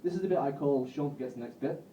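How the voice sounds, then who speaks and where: A man in his twenties from Bolton with a Northern English accent, doing a live stand-up set in a self-deprecating, halting way with frequent swearing. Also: medium pitch, dark tone, a little hiss or hum. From Bolton, England. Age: 20s. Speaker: stand-up comedian. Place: comedy club stage. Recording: roomy, distant, muffled live recording.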